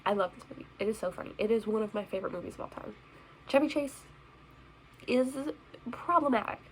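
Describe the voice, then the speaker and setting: A young woman talks casually and brightly to her viewers, full of filler words and quick asides. Her voice sits at an ordinary middle pitch. A faint hum of noise sits under the recording. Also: rough recording. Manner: chatty, bubbly, self-deprecating. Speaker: vlogger. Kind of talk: casual chat reviewing movies. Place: indoors in front of a Christmas tree.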